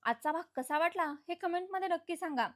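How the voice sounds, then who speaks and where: A woman's voice: extremely high pitch, animated, quick pace. A woman chattily retelling a TV serial episode and talking to her viewers as friends. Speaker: TV serial recap narrator. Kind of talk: casual storytelling recap.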